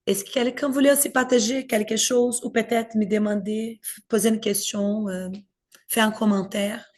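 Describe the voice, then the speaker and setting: Gentle woman leading a faith discussion. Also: a little high, steady tone, moderate pace. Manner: gentle and inviting, searching for words. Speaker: group leader of a faith discussion.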